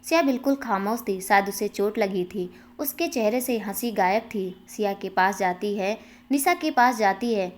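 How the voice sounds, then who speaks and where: A woman reading aloud a family love story in a plain, steady narrating voice. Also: mid-range voice, normal speed.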